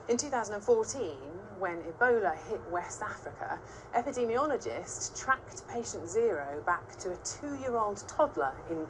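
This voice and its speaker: A woman with a British accent presenting and narrating a documentary in a clear, measured, explanatory way. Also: medium pitch, noisy background. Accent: British English. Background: documentary music.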